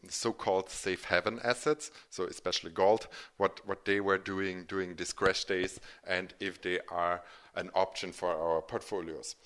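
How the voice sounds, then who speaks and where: A German man, speaking natively with a German accent, talks in a low, slightly bright voice. He's a financial educator and channel host giving a casual explanatory presentation, his phrasing hesitant and often self-correcting.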